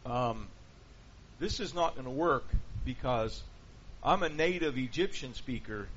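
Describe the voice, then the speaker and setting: A man with a mid-range, slightly bright voice teaches a Bible class interactively, asking questions and reviewing the group's answers. The sound is dull and lo-fi with a faint hiss.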